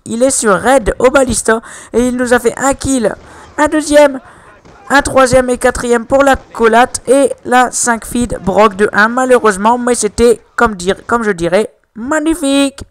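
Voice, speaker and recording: A young man putting on a mock Chinese accent to announce gaming highlights, slow and drawn-out. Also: fairly bright tone, clear, resonant tone. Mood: hyped announcing. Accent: put-on Chinese accent over French. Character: excitable male game-clip commentator with a mock Chinese accent. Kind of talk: gameplay highlight commentary.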